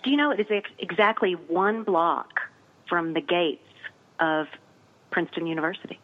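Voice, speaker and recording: Over a tinny phone line, a woman from Nashville, Tennessee, with a Southern accent and a fairly low voice chats at normal speed. She works as a cemetery tour guide and laughs often as she talks.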